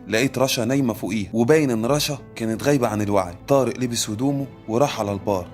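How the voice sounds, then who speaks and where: A man narrating a first-person dark story in Egyptian Arabic, with dramatic storytelling. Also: mid-range voice.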